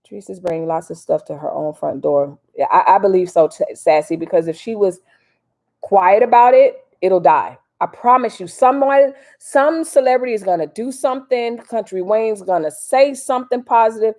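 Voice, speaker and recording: Chatting live with her audience, this Miami-born American host answers viewers in a loose, rambling way full of folksy slang and commentary. She speaks at normal speed in a mid-range voice that's slightly mellow.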